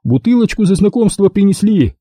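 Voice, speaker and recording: A man's voice: sits high, lively intonation, brisk, dark tone, slightly rough, no room sound, studio quality, pitched above the performer's own voice. A man voicing a brash, swaggering male detective partner who bullies with mocking threats, in an audiobook reading. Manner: mocking, menacing bluster.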